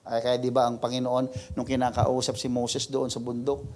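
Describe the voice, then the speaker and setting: A male pastor preaching a mid-week Bible study, mixing in English verses and acting out quoted people in sudden high voices. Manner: animated preaching, voices quoted people, big pitch swings; mixes English verses into Tagalog, halting restarts.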